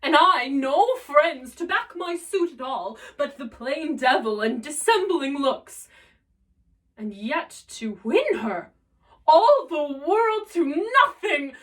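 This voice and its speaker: Lady doing a scheming shakespeare villain guy, theatrical and self-mocking, slow drawn-out lines, bit far from mic. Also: sits high, sing-song, fairly bright tone, exaggerated voice. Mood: gloating disbelief. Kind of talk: classical Shakespearean stage soliloquy. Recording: voice distant from the mic.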